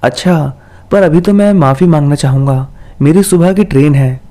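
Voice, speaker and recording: Easygoing young office man, voiced by the narrator; amused, curious, mellow tone. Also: on the high side, normal speed, natural voice. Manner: casual, smiling, questioning. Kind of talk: storybook dialogue reading.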